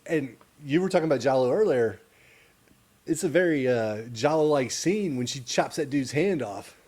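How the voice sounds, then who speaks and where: A man hosting a casual movie discussion podcast, steering the talk in a dry, measured way. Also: mid-range voice, expressive, a little mellow. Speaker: podcast host.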